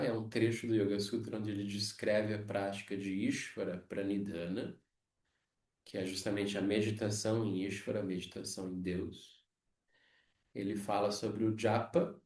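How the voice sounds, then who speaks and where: A Brazilian man teaching a yoga philosophy class, explaining slowly and checking in with frequent tag questions. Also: lowish voice, darkish tone. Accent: Brazilian Portuguese. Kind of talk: lecture on scripture. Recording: echoey room, mic far off.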